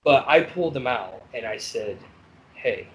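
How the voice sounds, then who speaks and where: A man on a podcast telling stories of his years as a corrections officer, in a blunt, profane, animated way. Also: mid-range voice, a little slow, a little hiss or hum, low-quality recording. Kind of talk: casual storytelling chat.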